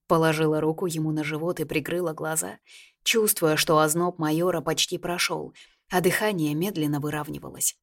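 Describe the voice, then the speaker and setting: A woman with a low voice reads a first-person novel as an audiobook narrator. Her delivery is lively and expressive, carrying the story along with feeling. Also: brisk.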